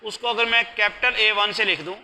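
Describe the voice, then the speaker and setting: A man's voice: sits high, steady tone, brisk, bright, forceful tone, low-quality recording. A man giving a recorded math lecture, patient and explaining step by step. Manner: patient, explains step by step, mixes in English terms.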